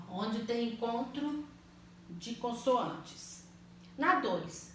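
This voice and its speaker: A woman teaching a primary school language lesson, spelling out words slowly and patiently, often checking that the children follow. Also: on the high side. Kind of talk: slow, clearly spelled-out online lesson. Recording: echoey room, mic at a distance, faint noise.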